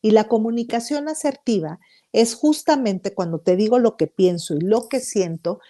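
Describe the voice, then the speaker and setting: Mexican woman, podcast psychologist guest, warm mellow tone, upbeat and emphatic. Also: on the high side, moderate pace. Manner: upbeat, emphatic, explains point by point. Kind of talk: podcast interview.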